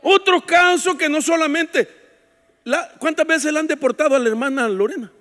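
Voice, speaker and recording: A male pastor with a strikingly high voice preaches in a large hall whose long echo trails every phrase. He tells stories with humor, calling out some lines loudly and dropping to a near hush for others. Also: moderate pace. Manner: storytelling preacher, swings from shouts to hushed asides; jokes with the congregation. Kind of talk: sermon at a women's retreat. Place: church hall.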